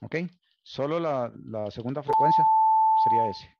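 Male lecturer, gravelly voice, stop-start explaining, dry muffled recording. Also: mid-range voice, moderate pace, very noisy. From Costa Rica. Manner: thinking aloud, many restarts and checks like "¿Ok?". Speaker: university lecturer.

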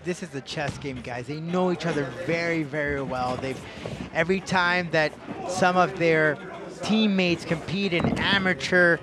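A man's voice: a little high, unhurried, a crowd in the background. A man giving conversational sports commentary as a fight analyst.

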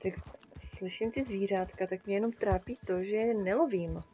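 A woman's voice: medium pitch, warm tone, faint music behind. A woman streaming a game live, chatting casually with her viewers and talking to the animals on screen. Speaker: streamer and graphic designer.

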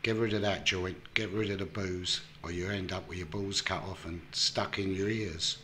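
Cocky fast-talking reporter guy, man doing him, low voice, all slang. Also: steady tone, bright, forceful tone, a little hiss or hum. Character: brash streetwise male journalist, cocky.

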